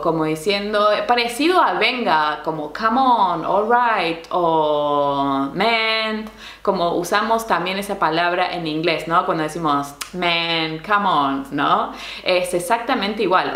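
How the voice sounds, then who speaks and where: An echoey room holds a woman's mid-range, slightly bright voice as she walks through Spanish slang. She takes it slowly and keeps asking small questions, "¿no?" and "¿sí?", to check in with her listeners.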